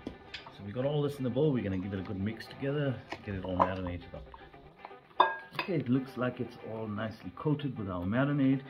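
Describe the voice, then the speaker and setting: A middle-aged man with a Durban Indian South African accent, casually hosting a cooking demonstration with relaxed step-by-step instructions. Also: lowish voice, a little fast, highs cut off, loud music behind the voice. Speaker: cooking show host. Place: home kitchen, indoors.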